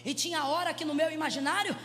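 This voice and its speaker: A woman pastor with a Brazilian Portuguese accent, preaching a Pentecostal sermon into a handheld mic, swinging from hushed storytelling to shouts. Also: high voice, steady tone, quick pace. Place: large church hall. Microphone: handheld microphone. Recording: reverberant church hall with music.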